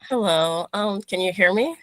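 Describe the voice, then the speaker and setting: A woman's voice: medium pitch, moderate pace, fairly bright tone, no room sound. A young woman from Kenya, a guest speaker giving an upbeat webinar presentation over a video call, with frequent "um"s and restarts.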